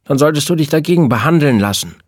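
A man voicing a bossy, know-it-all girl in a read-aloud children's story, speaking in a lecturing, brisk way. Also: a little high, lively intonation, no echo, clean studio sound, voice pushed up. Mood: challenging.

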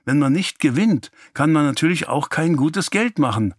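A man's voice: on the high side, lively intonation, moderate pace, dry recording, voice pushed up. A cheeky, mischievous young boy who talks back eagerly, voiced by a male narrator. The voice is lifted above the narrator's own and recorded dry and close.

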